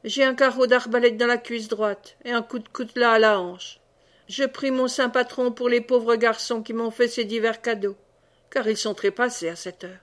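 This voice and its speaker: A woman's voice: on the high side, fairly even intonation, moderate pace, natural voice. A woman voicing a boisterous, wounded old monk who blusters and boasts as he tells tales in an audiobook reading. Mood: blustering.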